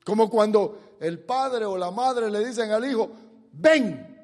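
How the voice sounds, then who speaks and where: A man preaches slowly in a very high voice, moving between soft asides and loud declarations. The sound rings in a long echoing hall. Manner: dramatic swings from soft to shouted. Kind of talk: sermon.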